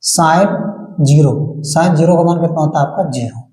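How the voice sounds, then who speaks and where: A man's voice: fairly high pitch, normal speed, warm tone, roomy sound. A man teaching a maths lesson step by step, often asking a question and then answering it himself. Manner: explains step by step, asks and answers his own questions.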